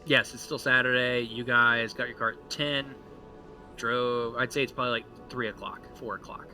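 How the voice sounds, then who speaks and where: A young man running a tabletop game as game master, narrating haltingly with many fillers. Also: medium pitch, steady tone, sharp tone, faint music behind. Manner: halting, filler-heavy storytelling.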